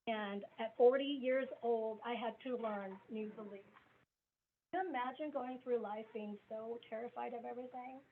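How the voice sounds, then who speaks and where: On a tinny video call line with slight noise, a Midwest-raised business coach in her forties gives a frank, chatty self-introduction. She speaks at a moderate pace in a fairly high voice whose intonation stays fairly even.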